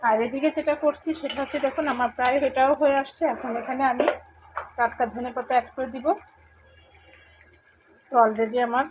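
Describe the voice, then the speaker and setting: Hoarse lady cooking vlog host, kinda high voice, explains every step, loud sizzling pan in the background. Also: steady tone, a little fast, long pauses. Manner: talks viewers through each step, mixing in English words. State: hoarse, throat trouble. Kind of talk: casual cooking narration. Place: home kitchen. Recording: sizzling pan noise behind.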